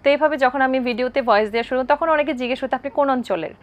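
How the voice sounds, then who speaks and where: A woman appearing as a guest on a talk show, telling stories about her life in a brisk, anecdotal way. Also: high voice, dull audio. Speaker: content creator guest. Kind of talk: talk show interview answers.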